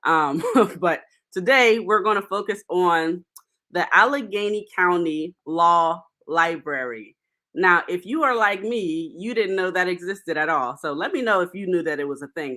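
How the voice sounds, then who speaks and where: A woman talks through her solo podcast in a loose, conversational way, full of fillers and little laughs. Her voice is bright and forward. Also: on the low side. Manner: chatty, many fillers and laughs. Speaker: podcast host. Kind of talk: casual solo podcast talk.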